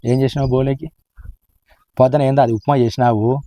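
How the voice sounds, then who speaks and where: A man's voice: mid-range voice, steady tone, a little fast, warm tone, dry recording. A man bantering with his wife in a comic village skit, rambling and teasing with mock-dramatic flair, outdoors. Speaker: husband in a village comedy skit. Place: outdoors, sitting on a rock.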